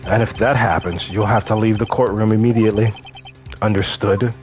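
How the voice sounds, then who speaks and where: A man's voice: fairly low pitch, steady tone, brisk, faint music behind, natural voice. A man voicing a meek, flustered elderly judge who speaks formally and apologetically.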